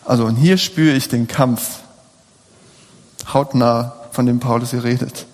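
Husky preacher man in a reverberant hall. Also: medium pitch, fairly even intonation, measured pace, darkish tone. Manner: conversational, asks the audience rhetorical questions. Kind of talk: sermon.

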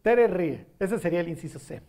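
This sermon comes from a man with a Mexican accent who talks conversationally and often asks whether listeners are keeping up. He has a high-sitting, animated, mellow voice and speaks fairly quickly.

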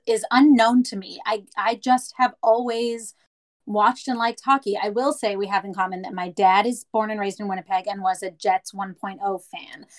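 A Canadian woman in her thirties chats casually and tells stories, with small restarts along the way. Her voice is medium-pitched, and the audio is poor.

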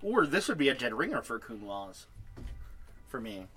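A man's voice: medium pitch, big pitch swings, normal speed, bright, forceful tone, soft background music. A man giving sommelier-style tasting notes in casual chat, thinking aloud as he describes the wine. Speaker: podcast host and wine taster.

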